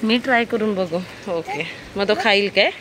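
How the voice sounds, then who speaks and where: A woman with a Marathi accent narrating a casual vlog outdoors in the rain, gently coaxing her little daughter. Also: medium pitch, normal speed. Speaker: vlogger. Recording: loud outdoor background noise.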